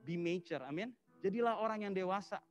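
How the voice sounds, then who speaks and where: A male pastor giving a casual, lively sermon, telling the story in slang and mixing in English phrases. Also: high voice, fairly quick, lo-fi sound, faint music behind. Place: church service.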